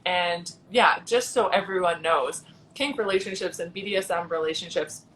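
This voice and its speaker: A woman with a fairly low voice hosts a casual live interview over a video call. She talks frankly and with emphasis, swearing freely. A faint background noise sits under her voice. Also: moderate pace, a bit bright, poor audio. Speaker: host.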